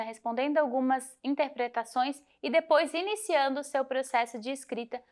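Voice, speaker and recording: A woman teacher guiding students through a grammar lesson, clear and methodical, slowing to spell out example words. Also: sits high, fairly bright tone. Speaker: Portuguese teacher. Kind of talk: recorded lesson walkthrough.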